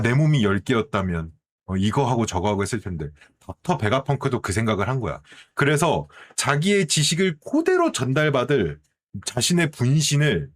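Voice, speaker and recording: A man streaming, chatting casually in an animated way and often asking his viewers questions. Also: mid-range voice. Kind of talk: casual commentary.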